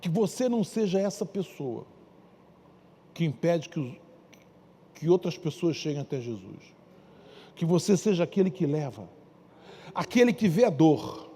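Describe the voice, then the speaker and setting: A man from Brazil with a Carioca accent, preaching a sermon as a bishop in a church, telling stories dramatically and acting out the characters' shouts and soft pleas. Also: a little high, big pitch swings, unhurried, pauses often, big-room sound, slight background noise. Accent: Carioca Portuguese.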